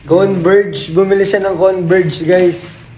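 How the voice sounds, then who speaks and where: A man's voice: sits high, flat delivery, takes it slowly, heavy background noise. A young man vlogging casually from home, sleepy and stuffy with a cold, chatty and laughing between lines. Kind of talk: casual vlog chat. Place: home and shopping mall. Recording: echoey room with loud music.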